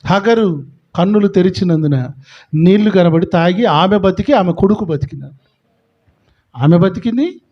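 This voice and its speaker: Pastor, male, high voice, forceful preaching full of rhetorical questions; dull lo-fi recording. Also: animated, moderate pace, long pauses. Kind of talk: sermon.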